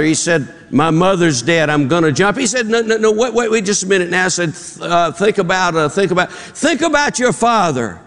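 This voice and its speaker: A pastor with a Southern drawl preaches a sermon to his congregation, mixing in folksy jokes and acting out the characters' voices. His voice sits a little high with a fairly bright tone. The church auditorium gives the recording a long, large-hall reverb.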